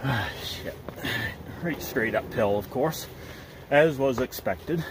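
A man's voice: medium pitch, lively intonation, takes it slowly, background noise. An older man vlogging while climbing a wet mountain trail, talking in a laid-back, wry way and chuckling to himself, with the camera held at arm's length. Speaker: thru-hiker vlogger. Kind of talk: casual trail vlog. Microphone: handheld camera at arm's length.

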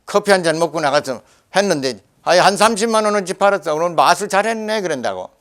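An older man lecturing forcefully in a Jeolla dialect, scolding and rambling. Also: fairly high pitch, lively intonation, quick pace. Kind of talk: animated lecture.

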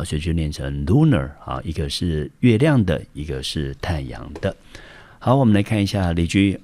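A man's voice: sits low, a little mellow. Taiwanese man teaching English words. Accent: Taiwanese Mandarin. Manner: explains step by step, often starting lines with "hao". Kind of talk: vocabulary lesson.

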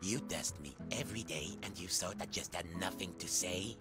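An actor voicing a rude, pompous male hermit crab in a video game, with a gravelly voice. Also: low-pitched, normal speed, loud music behind the voice, close to an everyday voice. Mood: grumpy.

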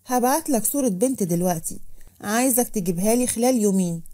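A woman voicing a vengeful, scheming young man with an Egyptian Arabic accent, muttering threats in a lowered voice. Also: animated, fast, dark tone.

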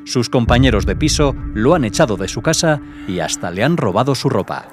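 Guy narrating a countdown video, mid pitched, dramatic script, loud music behind. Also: expressive, a little fast. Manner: dramatic, florid wording. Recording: voice-over under loud music.

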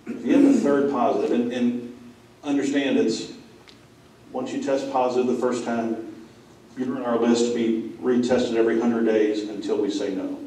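A man's voice: medium pitch, warm tone, slight background noise. A middle-aged man, a school president, giving a plainspoken conference talk to a seated audience, telling stories with asides to the listeners. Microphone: far room mic. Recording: echoey room from far off.

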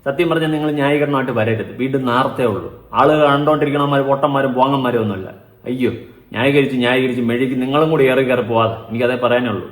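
A man's voice: medium pitch, fast. A young man hosting a reaction vlog, commenting in a mocking, sarcastic, lecturing manner. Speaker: vlogger and show commentator. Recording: echoey room.

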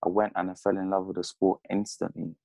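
Speaking French over earphones on a video call, this man in his twenties, a boxer from Congo, Zambia and the UK, is a relaxed interview guest in a plain room at his home. He talks a little fast in a low, mellow voice with vocal fry and a level tone. The sound is dry and studio-clean.

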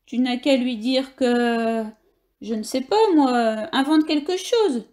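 A woman's voice: sits high, slow, a little mellow. A woman voicing Billy, a small, eager hamster boy who wants to be a cowboy. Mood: calling out.

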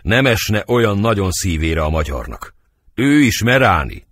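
A hot-tempered male nobleman, read aloud by a man, spits out bitter, fiery outbursts in a low, husky voice. His pitch leaps and drops with every curse, and the recording is close and dry, like an audiobook studio. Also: sing-song, a bit bright, dry recording. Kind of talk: audiobook drama reading.

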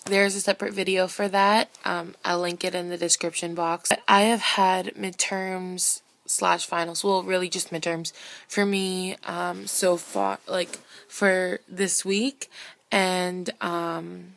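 A woman's voice: on the low side, level tone, slow, vocal fry, fairly bright tone. A young woman vlogger chatting casually to the camera close in front of her.

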